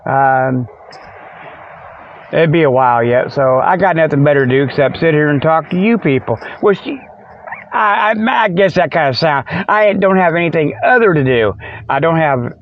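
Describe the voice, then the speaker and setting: An expressive American man with a highish voice speaks at normal speed as host of a comic Sasquatch show, wandering casually through a folksy monologue and cracking asides. The recording has a close, dry, dull lo-fi sound reminiscent of radio.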